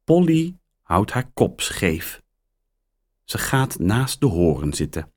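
A man reading a children's story aloud in a slow, expressive storytelling manner. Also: on the low side. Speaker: narrator.

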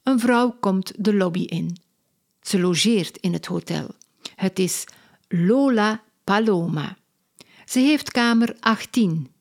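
A woman reading a children's story aloud, clear and sing-song, sentence by sentence. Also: medium pitch, slow.

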